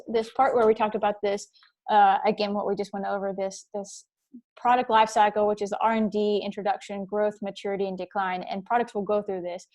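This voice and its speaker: Chatty woman teaching an online class. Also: on the high side. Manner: chatty, rambling, many fillers; playful, sings snatches. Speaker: university instructor. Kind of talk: casual online lecture. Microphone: computer mic on video call.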